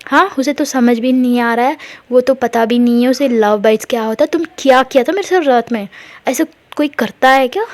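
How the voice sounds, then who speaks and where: A woman's voice: sits high, a little fast, lightly acted. A woman voicing an upset young wife who scolds and complains, told in a casual storytelling manner.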